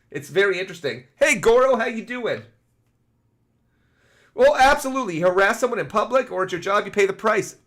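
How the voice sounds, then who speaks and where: A man's voice: sits high, a bit bright. A Canadian man giving casual, sarcastic live-stream commentary, swearing freely and greeting chat viewers by name. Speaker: gaming streamer.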